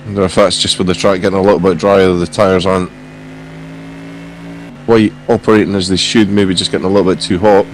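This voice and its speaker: A male race commentator with a hoarse, croaky voice that sits fairly low. He calls the action in a casual, live style, with a faint hum of car engines behind him. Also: level tone, a little fast, low-quality recording. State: hoarse from coughing. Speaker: sim racing stream commentator.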